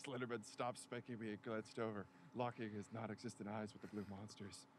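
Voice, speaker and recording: A man reading a comic fan story aloud in a steady voice, sometimes breaking down laughing. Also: fairly low pitch, brisk, slight background noise. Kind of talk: comedic dramatic reading.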